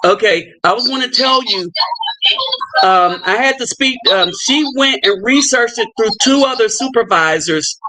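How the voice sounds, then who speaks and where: A man hosting a live stream, talking casually in quick bursts with asides and fillers. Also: very high-pitched, expressive, loud music behind the voice. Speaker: livestream host.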